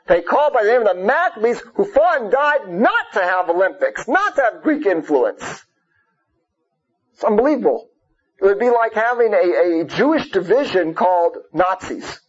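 A man's voice: sits high, breathy edge. A man giving an emphatic religious lecture, repeating phrases, asking rhetorical questions and peppering his English with Yiddish and Hebrew terms. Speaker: religious teacher. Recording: dull lo-fi radio-like sound.

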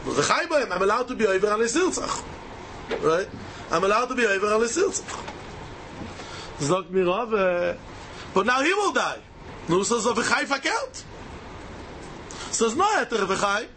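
A high-voiced man with a Yiddish accent teaches a religious text. His delivery swings widely in pitch as he fires off rhetorical questions and hammers key phrases by repeating them. A light wash of noise sits behind him. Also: sing-song, moderate pace, long pauses, bright, forceful tone. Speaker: Torah teacher. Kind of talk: Talmud lesson, rhetorical questions and answers.

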